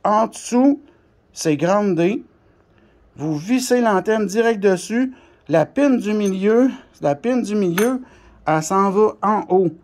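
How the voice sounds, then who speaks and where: An animated CB radio shop specialist with a Québécois French accent walks through a product demo without a script. His voice is high but darkish in tone, and he takes it slowly. His language is blunt, colloquial, and mildly crude.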